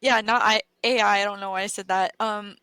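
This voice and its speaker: A young woman co-hosting a podcast in casual chat, animated and giggly, often trailing off mid-sentence. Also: medium pitch, brisk, clear, resonant tone, no echo, rough recording. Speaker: podcast co-host.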